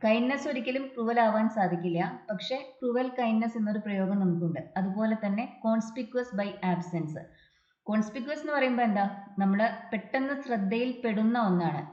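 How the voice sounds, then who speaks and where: A woman teaching an English exam prep lesson, explaining grammar step by step and reading example sentences slowly. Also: a little high, lively intonation, darkish tone. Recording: dull echoey room recording.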